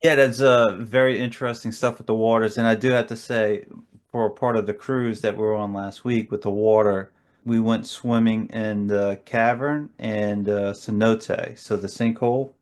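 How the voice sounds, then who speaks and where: A man's voice: lowish voice, steady tone, moderate pace. A man co-hosting a casual conversation, chatty and friendly. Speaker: co-host.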